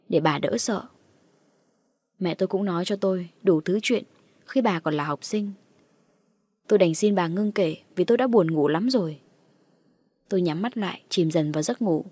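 A woman's voice: lowish voice, warm tone, dry recording. A woman reading a first-person horror story aloud in a tense, dramatic way. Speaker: narrator. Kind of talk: scripted horror story narration.

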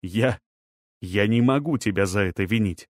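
A man playing a weary, bitter middle-aged man in an audiobook, speaking flatly and resignedly. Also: lowish voice, normal speed, no room sound, clean studio sound, lightly acted. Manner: flat, resigned, shrugging.

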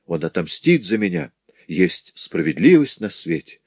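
A man's voice: deep voice, very animated, unhurried, a little mellow, slightly rough, no room sound, heavily acted. A man reading a story aloud, voicing a wronged young working woman telling of her ordeal. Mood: desperate. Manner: pleading, anguished.

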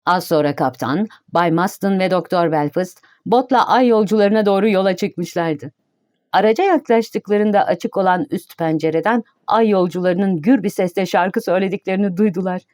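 A woman narrating an audiobook in a steady, even reading voice. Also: medium pitch, normal speed, dry recording, studio quality.

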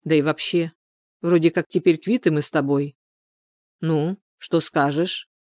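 A woman's voice: deep voice, fairly even intonation, a little slow, a little mellow, no echo, studio quality. A woman voicing a weary village husband who speaks bluntly and lays down his terms.

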